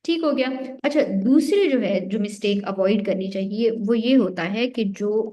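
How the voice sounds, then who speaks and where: A woman's voice: medium pitch, moderate pace, dark tone. A young woman lecturing on essay writing for an exam-prep course. She explains step by step and often asks a question and then answers it herself. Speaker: teacher.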